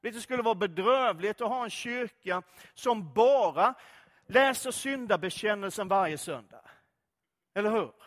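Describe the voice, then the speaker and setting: A man's voice: sits high, expressive, fairly bright tone. A man preaching a sermon, reading scripture and talking to listeners in a conversational way full of direct questions.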